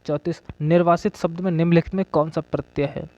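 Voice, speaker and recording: A man's voice: on the high side, fairly even intonation, quick pace. A man teaching an exam-prep grammar lesson, asking questions and then answering them himself, checking in with "okay" again and again. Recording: dull lo-fi audio.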